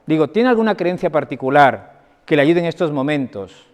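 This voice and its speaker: Man, doctor, conference talk, conversational and anecdotal, fairly high voice, long hall reverb. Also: animated, normal speed, darkish tone. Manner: conversational, anecdotal, often asks the audience for agreement. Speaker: doctor giving a lecture. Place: parish hall.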